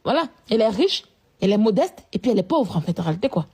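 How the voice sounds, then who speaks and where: A woman's voice: mid-range voice, sing-song, very fast, darkish tone, slight background noise. A woman ranting at someone in a scolding, repetitive, confrontational way. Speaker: vlogger. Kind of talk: live-stream rant.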